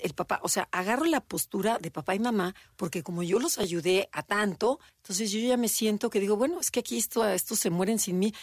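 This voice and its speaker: A woman's voice: mid-range voice, no room sound, studio quality. A woman co-hosting a podcast in casual chat, often acting out children and parents in little quoted voices. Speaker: podcast co-host.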